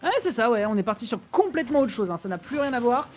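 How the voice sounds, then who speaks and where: Caster rattling off fast analysis, quick corrections, faint game music under it. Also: mid-range voice, expressive. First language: Italian. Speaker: co-commentator. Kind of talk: esports play-by-play commentary.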